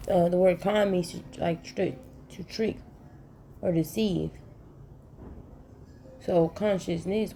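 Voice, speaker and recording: A woman talks to her viewers in a loose, just-woke-up ramble, yawning through her words and showering them with affection. Her voice is mellow and warm rather than bright. A faint hiss of noise sits under the recording. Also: fairly low pitch, vocal fry. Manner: sleepy, yawning, relaxed and rambling. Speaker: channel host. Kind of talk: casual morning chat to viewers.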